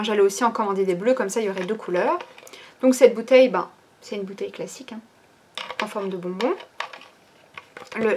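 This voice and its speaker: A woman presenting new items from her online shop in a casual, chatty way, with lots of fillers and hesitations. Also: fairly high pitch. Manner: chatty, many fillers like "ben" and "euh".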